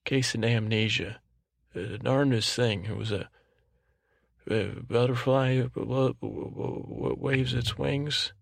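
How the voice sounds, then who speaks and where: A man hosting a podcast in a rambling comic monologue, halting, stammering and interrupting himself. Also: mid-range voice, steady tone, vocal fry, no echo, studio quality. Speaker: podcast host.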